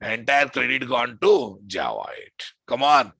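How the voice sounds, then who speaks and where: A man's voice: medium pitch, very animated, unhurried, gravelly, bright, forceful tone, husky, dry recording, clean studio sound. A man with a Telugu Indian English accent lecturing informally as a programming instructor, emphatic, repeating phrases and often checking with the class through questions.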